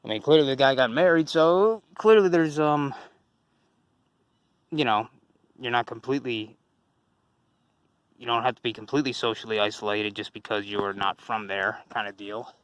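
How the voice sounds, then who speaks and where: A young man hosting a channel gives an unscripted commentary response in a mid-range, clear, resonant voice at normal speed. He pauses often and rambles, with plenty of fillers and restarts. His manner is casual, and he swears freely.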